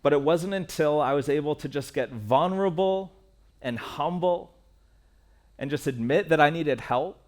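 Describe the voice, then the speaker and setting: A man delivering a sermon from a church stage microphone, his voice pitched a little high. He speaks earnestly and candidly, turning personal and repeating key phrases for weight. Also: moderate pace. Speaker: pastor.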